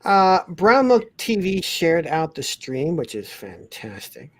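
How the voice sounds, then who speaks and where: A man hosting a casual livestream, reading the chat aloud with teasing, deadpan remarks. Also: a little high, takes it slowly. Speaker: livestream host.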